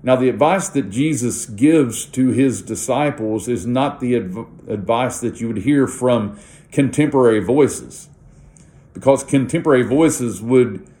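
A man of ordinary middle pitch leads a morning devotion for his podcast listeners. He talks through scripture in an earnest, conversational manner, now and then breaking into a light laugh. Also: warm tone.

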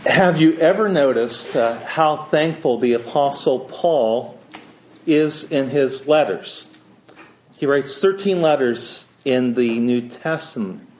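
A man's voice: medium pitch, slow, slight background noise. Male preacher, Eastern Ohio Appalachian accent, slight head-cold sound, reverent sermon delivery, muffled lo-fi capture. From Eastern Ohio, United States. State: has a cold. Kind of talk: sermon with scripture reading and prayer. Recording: dull, band-limited sound.

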